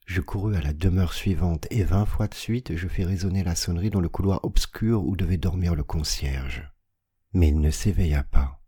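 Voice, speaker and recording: A man reading a classic story aloud as an audiobook narrator, in a measured, dramatic style that slows on images and swells at tense moments. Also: low-pitched, mellow, breathy edge, dry recording, clean studio sound. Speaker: audiobook reader.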